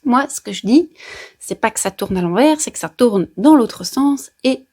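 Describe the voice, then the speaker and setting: A woman with a Brussels Belgian French accent playfully chats with viewers, explaining astrology the way a therapist might. Her voice is a little high and slightly mellow with a breathy edge, lively intonation, and a moderate pace. She's chatty, adding colloquial asides and sound effects.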